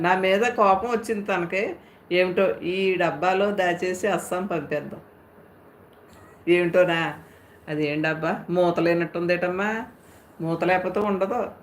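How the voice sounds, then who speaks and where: A woman hosting a live stream, chatting casually and teasing viewers as she reads their comments aloud. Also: lowish voice. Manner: playful, teasing, talks straight to viewers. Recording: echoey room, faint background hum.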